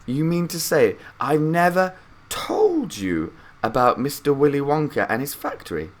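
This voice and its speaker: A man voicing an excitable, adoring grandfather in his nineties in a children's story, with emphatic delivery. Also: on the high side, a little slow, voice pushed up. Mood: surprised, eager. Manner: emphatic, exclamatory.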